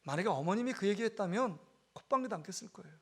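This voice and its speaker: A man's voice: high voice, lively intonation, rapid-fire, a bit bright. A man preaching a Sunday sermon as pastor, earnestly telling a story, acting out the voices and leading the congregation in reading aloud. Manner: earnest preaching, acts out quoted dialogue, leads congregation in reading. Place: church sanctuary.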